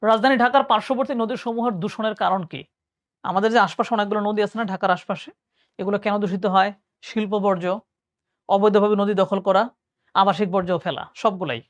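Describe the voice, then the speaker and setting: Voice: medium pitch, steady tone, fast, dry recording. Teacher with a Bangladeshi accent, exam lesson, step-by-step explaining, self-correcting, close mic, dry small room. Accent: Bangladeshi Bengali. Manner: explains step by step, reads questions aloud and answers them; self-correcting, thinks aloud.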